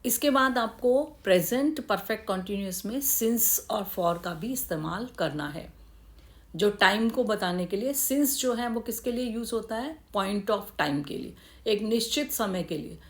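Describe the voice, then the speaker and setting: A woman's voice: mid-range voice, animated. Woman teaching grammar, step-by-step. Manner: explains step by step, asks rhetorical questions and answers them; spells out English words slowly. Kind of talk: Hindi grammar lesson.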